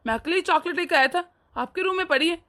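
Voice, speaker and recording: A woman voicing a young husband in an animated family drama, who coaxes his wife but speaks firmly and dismissively to his parents. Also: very high-pitched, fast. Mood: coaxing. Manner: firm, dismissive, coaxing.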